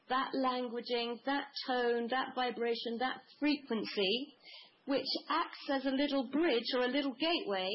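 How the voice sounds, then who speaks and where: A woman's voice: high voice, muffled recording. A woman guest in a spiritual conversation, speaking in a flowing, mystical way, piling up long lists.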